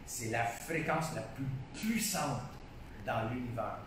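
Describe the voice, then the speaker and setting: A man's voice: mid-range voice, expressive, slow, a bit bright. A man with a Québécois accent chats about his painting with eager enthusiasm, circling back on his own phrases. He sounds far from the mic in a very echoey room. A faint hiss sits under his voice. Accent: Québécois French. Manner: enthusiastic, repeats phrases, restarts often. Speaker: painter being interviewed. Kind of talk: casual conversational interview.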